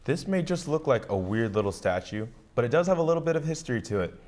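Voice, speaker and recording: A man's voice: medium pitch, big pitch swings, fast talker, a little mellow. A young man co-hosting a student local news feature, reading a friendly script with light quips. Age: young adult.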